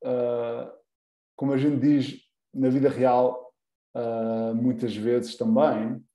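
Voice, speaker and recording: A man with a European Portuguese accent teaching English in a live online lesson, patiently repeating example phrases slowly and clearly. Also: medium pitch, level tone, roomy sound, highs cut off.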